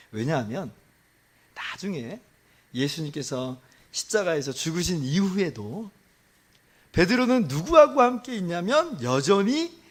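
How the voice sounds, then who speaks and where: Animated Korean pastor, high lively voice. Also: male voice. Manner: impassioned preaching with big swings between loud outbursts and soft low phrases; asks the congregation rhetorical questions. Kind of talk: sermon.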